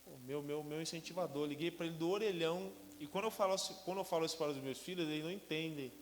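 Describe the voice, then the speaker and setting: A middle-aged man, a pastor giving a lively testimony in church who acts out the dialogue. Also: on the high side, very fast. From Rio de Janeiro, Brazil. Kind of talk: sermon testimony. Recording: long hall reverb with faint hiss.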